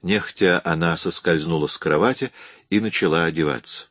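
A man narrating an audiobook in an even, measured storytelling manner. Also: low voice, no room sound, studio quality. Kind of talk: scripted narration.

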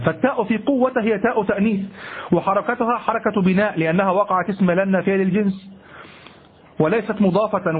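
A man teaching an Arabic grammar lesson to a class. He repeats key phrases slowly and checks in with his students as he goes. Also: high-pitched, husky. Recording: muffled lo-fi lecture recording.

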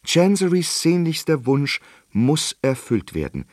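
A man's voice: fairly high pitch, sing-song, unhurried, darkish tone, no echo, clean studio sound, pitched above the performer's own voice. A man voicing a nervous, fussy old wizard who soothes and explains. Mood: explaining. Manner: anxious, reassuring, explanatory.

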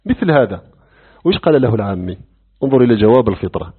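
A man's voice: mid-range voice, rapid-fire, slightly rough. A man teaching a lesson on creed, asking rhetorical questions and acting out dialogues. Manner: animated, asks rhetorical questions, acts out dialogues. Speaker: religious teacher. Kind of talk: lecture on creed. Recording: narrow phone-like lo-fi recording.

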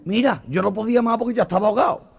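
A comedian voicing a boastful, frightened male banderillero telling a tall tale in an excitable, breathless way, on a dull cassette recording. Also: very fast, gravelly, husky, exaggerated voice. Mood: excited. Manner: breathless, high-pitched and excitable.

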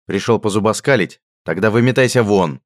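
A man voicing a mocking, jokey young male friend who talks loud, teasing and lively. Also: on the low side, fairly quick, no echo, clean studio sound, voice pushed up, lightly acted.

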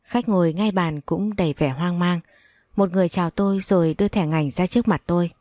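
A woman narrates a first-person story with a calm, even delivery. Her voice sits low and mellow. The sound is dry and close, with no room around it. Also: fairly quick, dry recording. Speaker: audiobook narrator.

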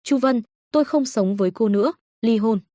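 A woman voicing a hot-tempered young husband who yells furiously at his wife. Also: a little high, normal speed, no room sound, clean studio sound, close to an everyday voice. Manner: yelling and furious.

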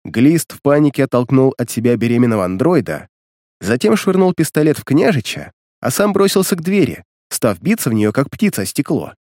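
A man narrating an audiobook with expressive storytelling. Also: medium pitch, a little fast, no echo, clean studio sound.

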